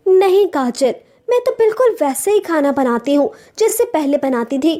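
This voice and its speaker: A woman's voice: high-pitched, sing-song, moderate pace, dark tone. A woman voicing an earnest, anxious young wife in a cartoon story. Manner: earnest, pleading.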